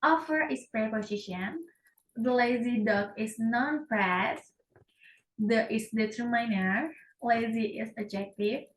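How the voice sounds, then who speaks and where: A woman's voice: a little high, distant mic. Young woman reading a class presentation, echoey. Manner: careful, slightly halting reading with self-corrections. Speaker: student presenting a syntax project. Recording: echoey room, voice off-mic.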